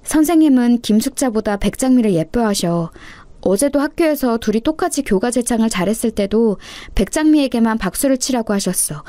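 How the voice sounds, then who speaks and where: A woman's voice: fairly high pitch, animated, fairly quick, no echo, lightly acted. A woman voicing an earnest orphan girl who firmly comforts and lectures her little sister. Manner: firm, gently scolding.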